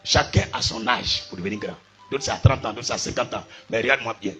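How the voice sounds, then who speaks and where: A man's voice: medium pitch, fast talker, sharp tone, soft background music. A man with an Ivorian French accent preaching a sermon, spelling out words letter by letter and asking his listeners if they follow. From Côte d'Ivoire. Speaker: pastor.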